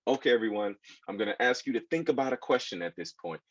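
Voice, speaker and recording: An American children's author reads his book aloud to kids in a lively, swooping way, often turning to them with asides and questions. His husky voice is mid-pitched and fast. The sound is dry, with no echo, and a little dull.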